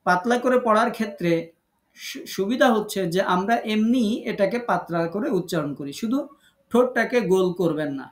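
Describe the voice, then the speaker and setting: In an online lesson, a man with a high voice teaches the rules of Quran recitation, patiently repeating each rule and slowly drawing out the example words. The room he records in is echoey.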